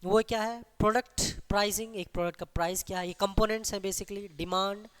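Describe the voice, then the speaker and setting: An economics teacher leading an exam-prep class. The teacher keeps asking the class questions and answering them, then slows down to dictate definitions. The voice sits at a middle pitch. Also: steady tone, a bit bright, smooth. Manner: mixes English terms into Hindi explanation.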